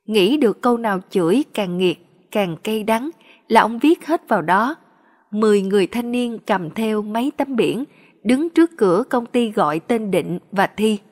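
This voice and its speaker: A woman narrating a dramatic story in an expressive, steady way. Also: medium pitch, normal speed.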